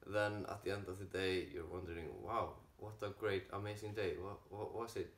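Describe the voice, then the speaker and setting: Teen male interviewee from Iceland, low voice, rambling casual answers, roomy echo. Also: steady tone, normal speed. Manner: rambling, with many likes.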